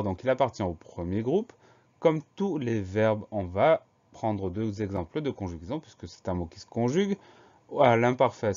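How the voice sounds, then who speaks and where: A man's voice: lowish voice, dark tone. A man teaching a spelling lesson, patiently spelling out words letter by letter. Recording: slightly muffled recording.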